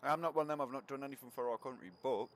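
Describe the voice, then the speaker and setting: Speaking very fast in a medium-pitched voice, this Northumberland man streams games online, chatting in a relaxed, sweary, talkative way. His accent blends Northumbrian and Geordie features.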